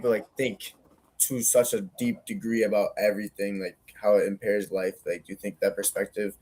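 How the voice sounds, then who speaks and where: A young man in relaxed podcast talk who feels his way through deep questions, padding them with "like." His voice sits on the low side. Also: husky. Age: young adult. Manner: searching, loose questions full of "like". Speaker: podcast co-host. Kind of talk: casual chat.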